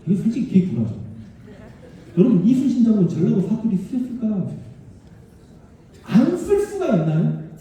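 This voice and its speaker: Male history lecturer, lively and emphatic, dark voice, heard from afar in a booming hall. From Korea, Honam region. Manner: animated, emphatic, chatty with the audience. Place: large civic auditorium. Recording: distant, very echoey hall sound.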